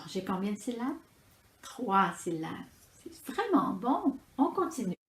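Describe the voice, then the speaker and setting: A woman with a Quebec French accent teaching preschool children to count syllables, drawing out each word in a slow, sing-song way. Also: medium pitch, very animated. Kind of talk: children's phonics lesson. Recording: echoey room with background noise.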